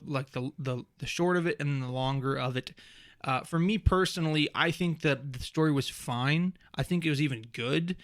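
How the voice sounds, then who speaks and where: A man co-hosts a podcast in loose, casual chat, rambling along with lots of fillers and false starts. His voice sits at medium pitch, slightly bright, clear and resonant, recorded at studio quality with no room sound.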